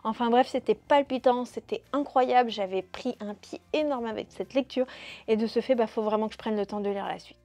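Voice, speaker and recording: A chatty young woman with a fairly high voice talks casually about books, pausing often to hesitate. The sound is dry and close, with no room echo. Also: a little mellow. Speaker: book YouTuber.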